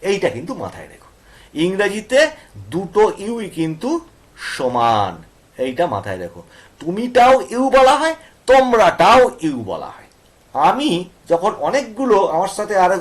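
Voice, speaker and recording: A male teacher with a Bengali accent, explaining grammar to students and often checking they follow with questions. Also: high voice. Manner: asks students questions and repeats points.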